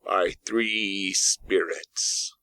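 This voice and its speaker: A man voicing the remorseful, solemn ghost of a dead businessman in a storybook, declaiming with drawn-out, wailing words. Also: low voice, steady tone, sharp tone, dry recording, heavily acted. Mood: solemn warning. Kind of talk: dramatic audiobook character acting.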